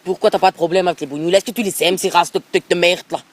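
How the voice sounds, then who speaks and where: A brash, bigoted middle-aged football coach with an Alsatian accent, as a man puts him on for a prank call. He rambles and pushes, tacking little tags onto every sentence in a rather high voice. It sounds like he is speaking with a phone held close to his mouth. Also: fairly even intonation, racing, lightly acted. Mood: pushy. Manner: pushy, rambling, repeats filler tags. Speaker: prank caller.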